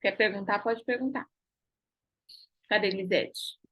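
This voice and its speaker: A woman's voice: mid-range voice, unhurried, a bit bright, low-quality recording. A woman giving an online class, emphatic and repeating key phrases, asking her students rhetorical questions. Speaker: pilates teacher and business mentor.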